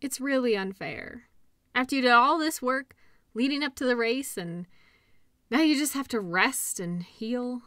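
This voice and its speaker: In clean, echo-free studio sound, a woman speaks at a measured pace with a fairly high, animated, slightly bright voice. Acting as an upbeat, caring girlfriend in intimate roleplay audio, she comforts an injured partner in a soothing, playful, encouraging way, tender and sympathetic throughout.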